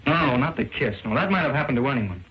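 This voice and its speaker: A man's voice: medium pitch, animated, fast talker, lightly acted. An actor playing a proud, idealistic man with earnest, declamatory, stagey old movie delivery on a dull, faintly noisy early film soundtrack. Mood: wounded, earnest. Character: proud, idealistic, reproachful man, scornful of cowards.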